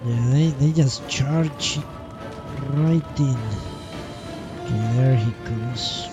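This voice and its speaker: A man with a mid-range voice talks extremely slowly while streaming a video game, giving casual live commentary, muttering to himself, and swearing now and then. Loud game music plays behind him, and the recording's highs are cut off.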